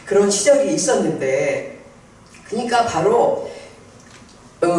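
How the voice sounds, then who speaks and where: Woman pastor preaching in an echoey hall. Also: fairly high pitch. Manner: animated, conversational storytelling. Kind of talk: sermon with personal testimony. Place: prayer house hall. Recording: echoey hall, speaker far from mic.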